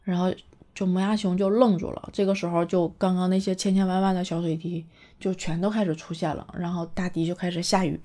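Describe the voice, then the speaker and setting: A woman chattily retelling a cartoon story, animated and full of fillers. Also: on the low side, fairly quick.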